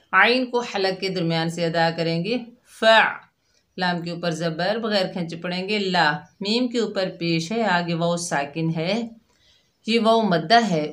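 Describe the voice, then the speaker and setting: A woman teaching Quran recitation rules step by step, explaining each letter and then sounding out the syllables slowly. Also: fairly low pitch, a bit bright. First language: Urdu. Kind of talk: slow step-by-step tajweed lesson.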